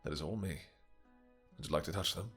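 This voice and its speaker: A man performs a possessive, vengeful vampire king in a fantasy romance audio roleplay. His voice sits low, with music behind it. He speaks in courtly, archaic turns, pausing hesitantly and dropping tender endearments. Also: a bit bright. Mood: tender, amused. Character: doting, possessive, vengeful male vampire king with horns and wings.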